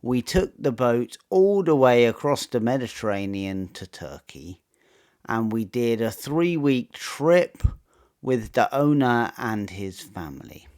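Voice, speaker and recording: Slow, clear-voiced male storyteller. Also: medium pitch, animated, a little mellow. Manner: slow, measured, matter-of-fact storytelling. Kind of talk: scripted narration.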